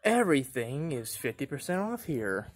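A young man vlogging casually while walking through an antique mall, rambling, laughing often and perking up excitedly at things he spots, recorded on a handheld phone. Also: mid-range voice, normal speed. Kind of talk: casual handheld shop walkthrough vlog. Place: large indoor antique mall with glass cases. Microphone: phone camera held while walking.

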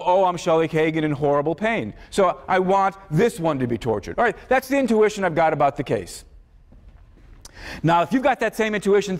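A man giving a university philosophy lecture in a conversational way, often repeating words and acting out the voices he quotes. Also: on the high side. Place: large lecture hall. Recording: long reverb of a lecture hall.

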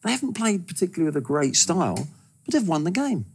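A man in his sixties talking as a football pundit in a TV studio, animated and stumbling over his first words, on a lapel mic. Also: high voice, fast, a little hiss or hum. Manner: animated, gesturing with hands, repeats words when starting. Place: large TV studio.

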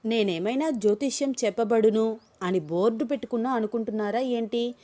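A woman reading a story, voicing a lively, quick-tongued young woman who protests and insists. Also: on the high side, natural voice. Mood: insistent.

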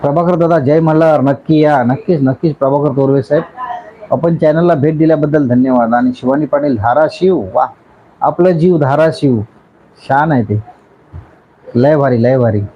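A man's voice: a little high, normal speed, lo-fi sound, a little hiss or hum. A man from Raigad hosting a casual live stream. He greets commenters one by one in a chatty, effusive way. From Raigad, Maharashtra, India. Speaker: YouTube live-stream host.

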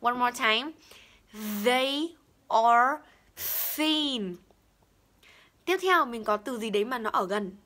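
A young woman gives a bilingual English pronunciation lesson, exaggerating her enunciation and repeating each word as she demonstrates it. Her voice is a little high, sharp, and expressive, moving fairly quickly with few pauses.

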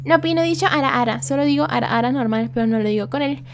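A woman's voice: high voice, very fast, a little hiss or hum. A young woman chatting casually on a livestream in a cute anime streamer manner, playful and giggly. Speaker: VTuber streamer.

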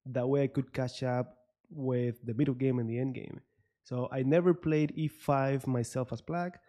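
A man's voice: mid-range voice, fairly even intonation, normal speed, warm tone. A young man in his twenties with a Cuban Spanish accent, hosting a casual interview chat at a desk microphone. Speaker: chess coach hosting an interview. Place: small room at home, indoors. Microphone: desk microphone on a boom arm, video call.

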